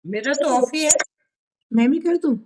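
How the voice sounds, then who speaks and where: An older woman telling a story in a devotional session, animated and acting out conversations, speaking over a video call. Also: high-pitched, a little slow. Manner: animated, acts out dialogue with children. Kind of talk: storytelling talk.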